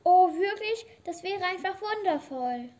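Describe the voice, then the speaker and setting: A woman's voice: sits high, normal speed, natural voice. A woman playing a spoiled, haughty young princess in a fairy-tale radio play. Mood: wheedling. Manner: haughty and petulant.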